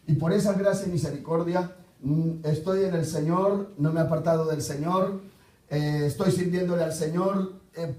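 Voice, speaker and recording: A man preaching a sermon as pastor, repeating rhetorical questions and swinging between loud outbursts and low murmurs. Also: echoey room, far from the mic, low-quality recording.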